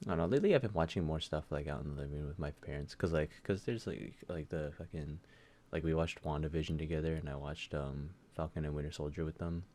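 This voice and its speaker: Young man, very low voice, casual rambling chat, swears a lot, podcast co-host. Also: fast, warm tone. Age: young adult. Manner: rambling, swears often, many fillers.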